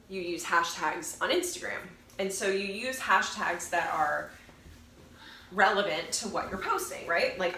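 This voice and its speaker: Low-pitched, pushed and bright, the young woman's voice is thick and nasal from a lingering cold. She chats to camera as a fitness vlogger, rambling and self-correcting, while the room lends an echo and a faint background noise.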